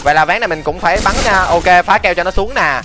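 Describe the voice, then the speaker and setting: Fast, excitable male game streamer. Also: high voice. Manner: fast, excitable, exclaims often. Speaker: gaming streamer. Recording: game music behind.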